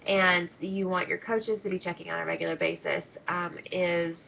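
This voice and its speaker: Leading an internship, this team coach sounds stuffed up and nasal as a cold sets in, yet stays upbeat and chatty, dropping plenty of ums in her casual video training. Her voice sits fairly low with vocal fry, fairly even intonation and a moderate pace. Slight hiss or hum runs under the dull lo-fi recording.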